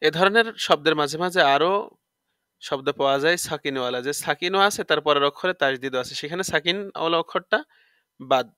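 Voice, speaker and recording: A man teaching tajweed, spelling out letters and rules step by step and drawing out the recited words slowly, with a Bangladeshi Bengali accent. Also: on the high side, sharp tone, clean tone, no echo, studio quality. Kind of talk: tajweed lesson with slow recitation.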